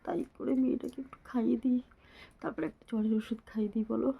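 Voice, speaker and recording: A woman who is sick with a fever, talking softly and weakly to her viewers in a casual home vlog. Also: a little high, fast, creaky, husky. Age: adult mother. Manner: speaks softly, often near a whisper. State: ill with fever, weak voice. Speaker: family vlogger.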